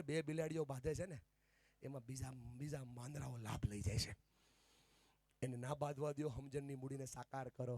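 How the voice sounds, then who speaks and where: A man giving an animated motivational speech to a family gathering, leading the crowd in call-and-response chants. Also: on the high side, no room sound. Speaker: motivational speaker. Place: outdoor party venue.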